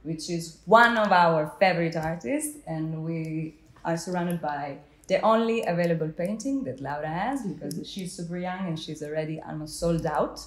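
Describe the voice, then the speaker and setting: A young woman, the gallery founder, hosting an interview with eager, halting talk in an art gallery. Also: lowish voice. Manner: enthusiastic, hesitant with fillers. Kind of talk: interviewer chat. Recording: echoey gallery room.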